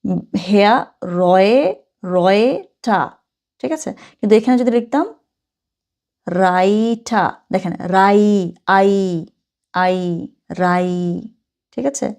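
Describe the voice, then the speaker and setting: A woman gives a relaxed online language lesson. Her talk is chatty and informal, and she slows right down to sound out each example phrase with care. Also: mid-range voice, vocal fry. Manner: casual, chatty, mixes languages, reads German slowly and carefully. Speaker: German language teacher.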